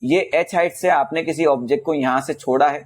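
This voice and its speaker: A male physics teacher solving exam questions in a casual Hindi lesson, calling students bhaiya and beta and reading English questions out slowly. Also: fairly high pitch, steady tone.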